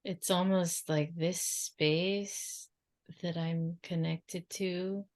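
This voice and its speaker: Woman, trance channelling medium, low-pitched, narrow intonation, drifting phrases, long silences, creaky. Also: steady tone, drawn-out words.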